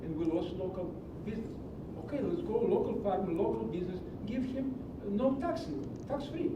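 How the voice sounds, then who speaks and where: A middle-aged Greek man with lively intonation speaks at a normal pace, giving a passionate, preachy public comment in broken English at a county meeting. He is in a large meeting hall, picked up from far off with heavy echo and a low rumble.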